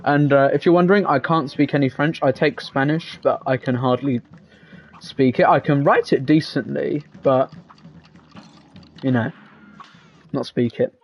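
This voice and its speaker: A man's voice: mid-range voice, measured pace, pauses often. A man, live-streaming a game and chatting casually, rambling as he reads out chat messages. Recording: slightly dull lo-fi mic with faint game music.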